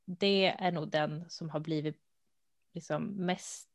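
A woman co-hosting a casual chat, speaking in a relaxed, thoughtful way with hesitant fillers. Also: sits low, no echo. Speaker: podcast co-host. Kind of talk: casual chat about knitting.

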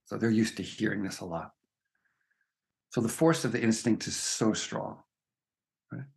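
A man's voice: fairly low pitch, moderate pace, vocal fry. A man speaking as a spiritual teacher in an interview, earnest and emphatic, often checking in with "right?". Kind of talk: reflective conversation.

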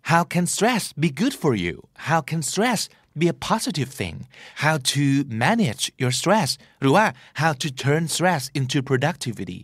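Male podcast host, lively and swinging in pitch, dry close sound, slow careful English phrases. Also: dry recording. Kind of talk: solo podcast talk teaching English words.

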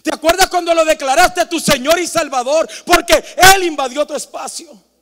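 A male pastor preaching a sermon, swinging from hushed near-whispers to loud, impassioned calls. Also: very high-pitched, moderate pace, long reverb tail.

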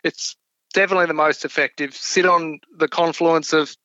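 A man's voice: a little high, steady tone, moderate pace, bright, forceful tone, no echo. A man with an Australian accent chatting casually as an interview guest, on a slightly dull recording. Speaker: podcast guest.

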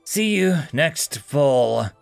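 A man's voice: mid-range voice, expressive, normal speed, dry recording, soft background music, close to an everyday voice. A man voicing a blunt young female adventurer who speaks in a dry, clipped way. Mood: wry.

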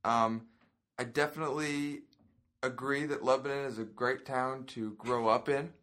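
A young man from Indiana talks as a guest on a casual podcast. He is relaxed and laughs easily, pausing and hedging as he goes. His voice is of middle pitch. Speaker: podcast guest, culinary student. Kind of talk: casual chat.

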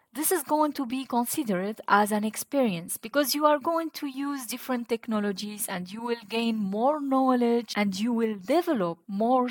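A woman's voice: a little high, a little mellow. A woman with a Tunisian North African accent narrating a scripted piece as a podcast host.

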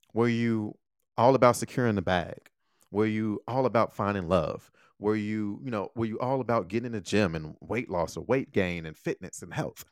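A young man hosting his own podcast, talking straight to his listeners in a casual, animated monologue full of questions. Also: fairly low pitch, no echo, clean studio sound. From United States. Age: young adult. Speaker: podcast host.

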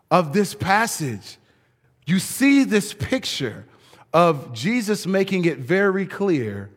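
A man preaching a sermon in an emphatic, lively way, often laughing between words. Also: fairly high pitch, slightly rough. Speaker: pastor. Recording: long hall reverb.

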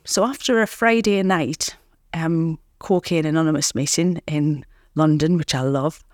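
A woman's voice: fairly low pitch, no room sound, studio quality. Earnest woman sharing her recovery story. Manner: earnest, repeating words, frequent "you know"; reflective storytelling. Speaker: podcast guest. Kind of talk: candid recovery interview.

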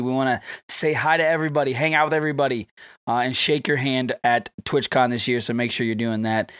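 A man's voice: mid-range voice, fairly bright tone, no echo, studio quality. A man hosting a casual podcast while sick, his voice strained, chatting in a rambling way with fillers. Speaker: podcast host.

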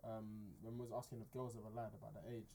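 A man's voice: on the low side, level tone, fast, gravelly, warm tone, a little hiss or hum. Slangy young man telling a story. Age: 20s. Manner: storytelling, slangy, keeps asking "do you understand". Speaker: podcast co-host. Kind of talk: casual chat. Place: studio.

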